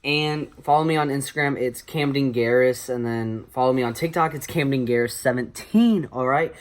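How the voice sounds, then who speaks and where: A young man with a medium-pitched voice talks casually to his viewers. He rambles along like a homemade vlogger, often repeating short phrases. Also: normal speed. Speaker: online video creator. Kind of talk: casual vlog chat.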